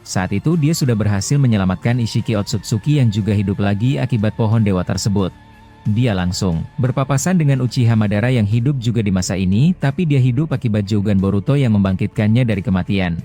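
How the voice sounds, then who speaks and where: A man's voice: on the low side, fast, dark tone, soft background music. A man narrating a scripted anime fan story as a storyteller, with the dialogue read out in between.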